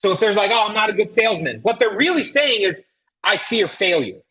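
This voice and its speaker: Talking a little fast, this woman has a medium-pitched, slightly bright voice with a breathy edge and lively intonation. She's an American network marketing trainer delivering a motivational sales coaching talk, folksy and emphatic, with rhetorical questions sprinkled throughout.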